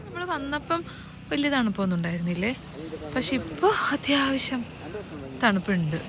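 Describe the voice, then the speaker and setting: Higher-pitched Malayali woman mixing in English, noisy outdoors. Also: very animated, normal speed. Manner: mixes English words into Malayalam. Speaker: vlogger. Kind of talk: casual vlog narration. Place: outdoors at a beach campsite.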